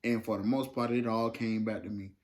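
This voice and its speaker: A man's voice: fairly low pitch, steady tone, brisk, a little mellow. A man co-hosting a casual relationship talk show, speaking earnestly and conversationally. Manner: earnest, conversational, uses many fillers. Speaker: podcast co-host. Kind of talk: casual chat.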